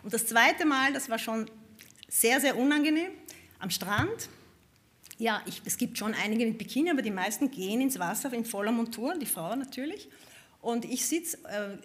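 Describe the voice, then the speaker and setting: Viennese woman, guest musician, fairly high voice, animated anecdotes full of laughs. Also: normal speed. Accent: Viennese German. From Vienna, Austria. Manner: animated, expressive, laughs often while telling stories. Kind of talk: lively anecdotal storytelling.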